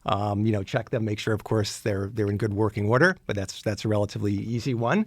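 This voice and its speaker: A man's voice: on the low side, fairly even intonation, fast, no echo. Guy on a radio show giving home upkeep tips, chatty, restarts a lot, dry studio sound. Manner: practical, advice-giving, frequent restarts. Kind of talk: casual radio talk.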